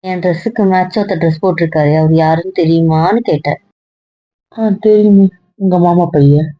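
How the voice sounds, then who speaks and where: A woman's voice: lowish voice, fairly quick, dry recording, muffled recording. A woman acting in an amateur web series, speaking firmly and cuttingly.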